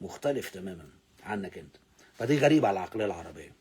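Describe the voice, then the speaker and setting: A man with an Egyptian Arabic accent teaching English, repeating words slowly for pronunciation drills and swinging between loud emphasis and low asides. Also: animated, husky. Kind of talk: English lesson explained in Arabic.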